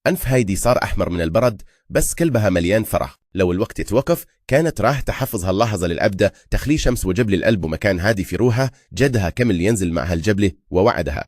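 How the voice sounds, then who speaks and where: Deep, fast-talking male recap narrator. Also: lively intonation, darkish tone, dry recording. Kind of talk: scripted film recap narration.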